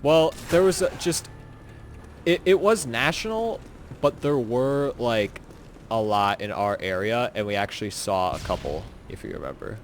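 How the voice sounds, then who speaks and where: A man's voice: mid-range voice, expressive, a little slow, a little hiss or hum. A young man chatting casually while gaming, rambling through a story with lots of filler words. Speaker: co-host telling scary stories.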